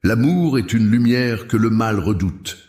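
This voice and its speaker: A fervent old priest casting out evil in an audio story, his voice ringing with authority, played by a man. The voice is low and echoes in the room. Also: animated, a little slow, warm tone. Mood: commanding. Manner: commanding, full of authority. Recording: roomy echo.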